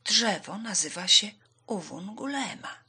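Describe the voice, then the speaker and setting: A woman voicing a wise, patient old village woman who speaks slowly and deliberately. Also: medium pitch, animated, pushed and bright, husky, full character voice. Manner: slow and deliberate.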